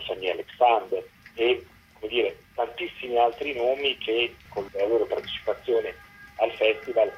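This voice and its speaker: This documentary co-director speaks in a lowish, husky voice during a radio interview. He explains his work in long, well-formed sentences, and the audio comes through a muffled, phone-like lo-fi line.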